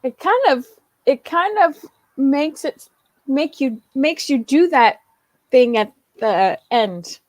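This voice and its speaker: A woman's voice: sits high, expressive, slow, no echo. A woman learning words in a casual lesson, repeating them back and laughing often.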